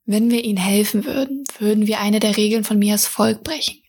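A woman reading the lines of an imposing, level-headed man in a storybook, firm and explaining, with a breathy voice. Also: mid-range voice, fairly even intonation, a little fast, a little mellow. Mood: stern.

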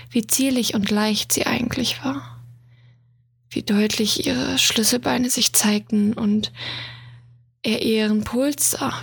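A woman reads a romance story aloud in a slow, soft whisper. Her voice is husky and gravelly and sits fairly high. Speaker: narrator.

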